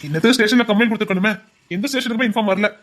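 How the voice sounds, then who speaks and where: A man playing a gentle, dutiful village policeman who speaks softly and reassuringly. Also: high-pitched, racing. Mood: calm. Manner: soft-spoken, reassuring.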